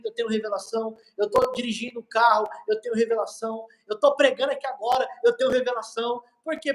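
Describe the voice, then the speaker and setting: A man's voice: very high-pitched, poor audio. A man with a Brazilian accent, a pastor preaching on a live stream in an emphatic, repetitive way.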